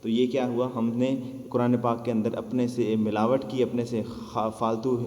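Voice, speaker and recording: A man leads a teacher-training lesson, explaining rules patiently and chanting stretched-out syllables to show them. His mid-pitched voice rings in a reverberant room with a long echo. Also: level tone, warm tone. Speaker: Quran teacher training instructor. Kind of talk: teaching lesson, demonstrating recitation.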